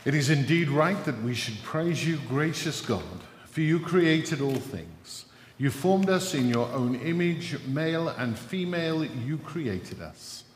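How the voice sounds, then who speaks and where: A man presiding at a church service, reading the liturgy in a measured, solemn way, his voice ringing with cathedral echo. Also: on the high side, lively intonation. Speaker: presiding minister. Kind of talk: leading a liturgical prayer. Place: large church. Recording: echoey church hall, faint noise.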